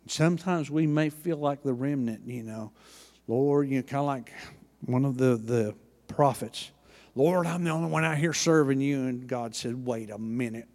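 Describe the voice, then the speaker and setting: A pastor with an Oklahoma accent preaches a sermon in a church at a moderate pace, in a folksy manner. He drops low and quiet, then rises loud, and the sound is that of a big room.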